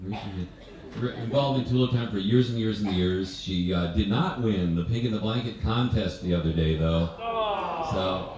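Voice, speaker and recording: An older American man giving informal, chatty, good-humored remarks to an audience on a handheld microphone. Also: low voice. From United States. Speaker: competition judge giving introduction. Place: event tent with seated audience. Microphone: handheld stage microphone. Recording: very echoey, distant, slight audience noise.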